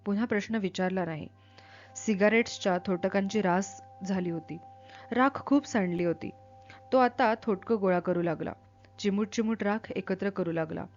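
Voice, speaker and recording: A woman reading a literary novel aloud, narrating in a measured, steady way. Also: mid-range voice. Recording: dull lo-fi with faint music.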